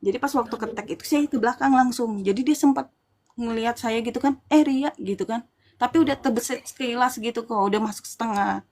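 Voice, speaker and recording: A woman with an East Kalimantan accent, casually retelling a personal ghost story in animated detail. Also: fairly high pitch, quick pace. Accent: Indonesian, East Kalimantan. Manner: chatty, animated retelling with quoted dialogue.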